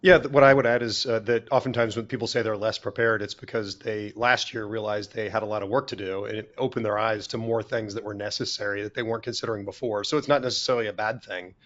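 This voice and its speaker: A man's voice: fairly low pitch, fairly even intonation, quick pace, few pauses, a bit bright. A man speaking as a panelist on a business webinar, his voice scratchy from allergies. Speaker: panelist, safety executive. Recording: slightly dull video-call audio.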